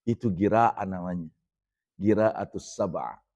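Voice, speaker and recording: A middle-aged man from Indonesia giving a religious lecture in a mosque, talking conversationally to the men present and reciting Arabic phrases slowly. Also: low voice, darkish tone, lo-fi sound.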